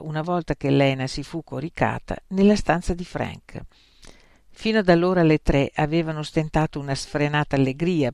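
Audiobook reader telling a story, gravelly voice, dry close sound. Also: medium pitch, no echo. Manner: measured storytelling. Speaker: audiobook narrator. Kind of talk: scripted narration.

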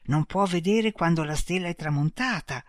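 A reader voicing two kind, dying alien beings who speak slowly and gently in an audiobook. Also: mid-range voice, dry recording, studio quality, close to an everyday voice. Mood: gentle. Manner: slow, gentle, speaking in unison. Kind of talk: audiobook reading.

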